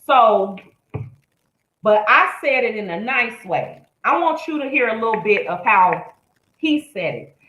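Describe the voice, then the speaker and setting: A woman's voice: fairly high pitch, animated, measured pace, fairly bright tone, echoey room, a little hiss or hum, rough recording. A woman hosting a live stream, giving blunt, profane, indignant commentary. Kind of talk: heated commentary.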